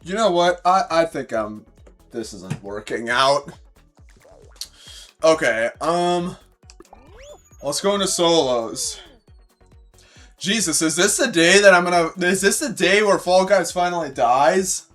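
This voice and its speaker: Rambling, excitable male game streamer. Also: on the high side, takes it slowly, long pauses, soft background music. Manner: rambling, self-correcting, swears often; excitable, bursts into laughter. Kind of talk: casual gameplay commentary.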